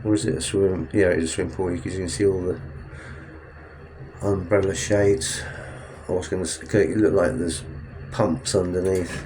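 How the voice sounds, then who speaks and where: A man with a dark, low-pitched voice narrates at normal speed in a steady tone, leaving long pauses. He's an English travel vlogger with a sniffly, stuffy nose, chatting aimlessly and correcting himself from a Ferris wheel cabin at night.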